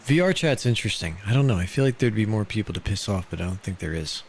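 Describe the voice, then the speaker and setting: A man's voice: fairly low pitch, lively intonation, quick pace, a little hiss or hum. A young adult man live streaming in a VR game's voice chat. He talks casually and mocks and teases the strangers he meets. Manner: brash, mocking, teasing strangers. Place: online voice chat in a VR game.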